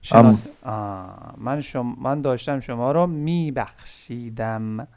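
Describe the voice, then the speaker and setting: Male tutor on a video call, smooth resonant voice, patient and methodical, slows to spell out each word. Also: medium pitch, darkish tone. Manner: patient, slow drilling of verb forms, word by word. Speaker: Persian tutor. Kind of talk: online one-on-one language lesson.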